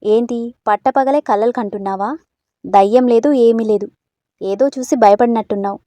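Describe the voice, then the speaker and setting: A woman's voice: fairly high pitch, fairly even intonation, normal speed, dark tone, no echo, natural voice. A woman voicing a kind, curious sister-in-law who teases and asks questions in a storybook. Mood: teasing curious.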